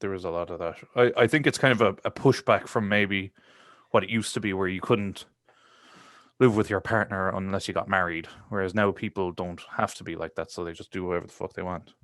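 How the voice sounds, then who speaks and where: A man's voice: low-pitched, steady tone, brisk, fairly bright tone, dry recording, clean studio sound. A man of thirty, chatting casually and thinking aloud on a podcast, with lots of fillers and restarts. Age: 30s. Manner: rambling, reflective, many fillers and restarts. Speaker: podcast co-host. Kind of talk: casual chat.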